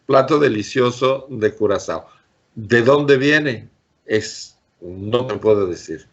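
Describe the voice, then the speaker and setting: A man's voice: medium pitch, takes it slowly, lo-fi sound. A man explains things didactically as an interview guest, like a professor listing terms and examples.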